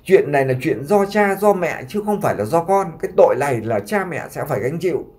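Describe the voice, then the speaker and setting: A man's voice: a little high, animated, brisk, a little mellow, natural voice. A man voicing a grieving doctor father who imploringly consoles his sick son and takes the blame on himself.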